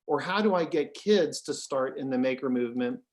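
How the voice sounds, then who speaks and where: Man, co-host, rambling, halting with fillers, video call. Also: mid-range voice, expressive. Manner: rambling, hesitant, many fillers. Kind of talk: casual video-call chat.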